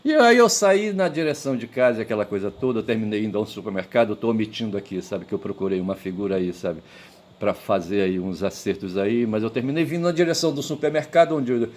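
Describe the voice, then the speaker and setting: A man's voice: fairly low pitch, animated, quick pace, darkish tone. Rambling middle-aged man. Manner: rambling, constant "right?" tags and filler. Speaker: vlogger. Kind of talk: casual storytelling monologue.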